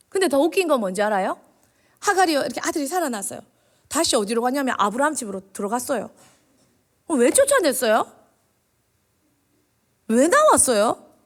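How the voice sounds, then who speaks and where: A woman, a children's minister giving an animated sermon in church and quizzing the children with questions. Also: high-pitched.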